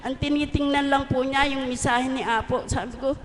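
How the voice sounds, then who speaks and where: A woman's voice: high-pitched, steady tone, normal speed. Older woman giving earnest testimony in an echoey hall. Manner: earnest, polite, repeats thanks to God. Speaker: church member giving testimony. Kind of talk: personal testimony. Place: church hall. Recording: echoey hall with faint noise.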